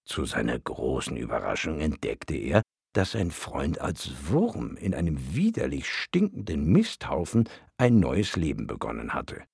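A man narrating a storybook-style audiobook in a measured, expressive way. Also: a bass voice, vocal fry, slightly rough, no room sound, clean studio sound.

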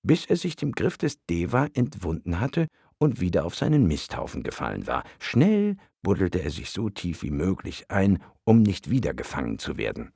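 Very deep gravelly male narrator. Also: huge pitch swings, normal speed, hardly any pauses, dark tone, dry recording, studio quality. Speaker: audiobook narrator. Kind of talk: calm storybook narration.

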